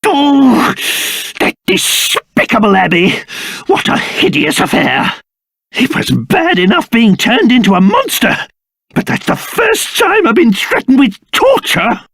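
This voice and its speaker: An actor playing a pompous, fussy old king turned into a small monster in a video game, with a British accent and a theatrical, excitable delivery. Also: very high voice, unhurried, gravelly, no room sound, exaggerated voice. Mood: outraged.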